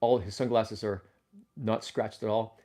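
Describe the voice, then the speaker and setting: A man hosting a casual livestream, excitable and rambling, often restarting his sentences and breaking into loud exclamations. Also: on the low side, measured pace, a little hiss or hum. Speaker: livestream host.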